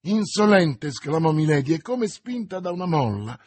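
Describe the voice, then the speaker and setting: A man reading a classic novel aloud as an audiobook, measured and theatrical. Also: a little high, very animated, warm tone, slightly rough, no room sound. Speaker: audiobook narrator.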